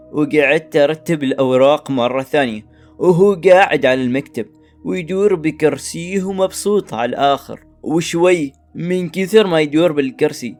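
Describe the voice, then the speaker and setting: Man telling a dramatic story. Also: on the high side. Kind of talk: first-person dramatic story narration. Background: faint background music.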